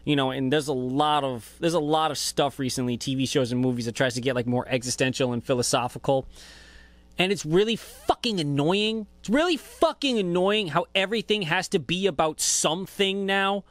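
A man's voice: a little high, moderate pace, dry recording. A man in his twenties hosting a podcast, talking in a rambling, profane, laid-back way as a casual monologue. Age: 20s. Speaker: podcast host.

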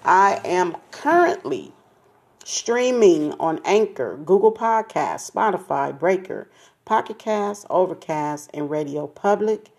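A woman's voice: fairly low pitch, animated, takes it slowly, darkish tone. A middle-aged woman hosting her own podcast in casual, slangy chat, talking straight to listeners and smiling as she speaks. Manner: upbeat, slangy and chatty, addresses listeners directly; smiling and laughing as she talks. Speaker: podcast host.

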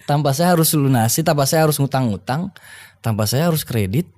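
A man with a husky voice telling personal stories in casual conversation, acting out the speech of others. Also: mid-range voice, a little fast. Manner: animated, acts out quoted speech. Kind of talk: casual storytelling.

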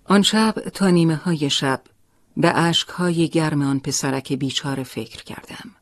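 A woman reading a first-person story as narrator, soft and often sinking into a near-whisper. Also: low-pitched, faint music behind.

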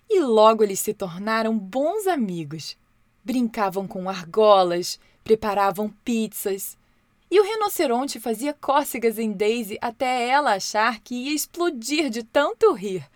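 Woman, children's story narration, animated, bright-ish high voice, faint music. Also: no room sound. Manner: expressive, lively narration.

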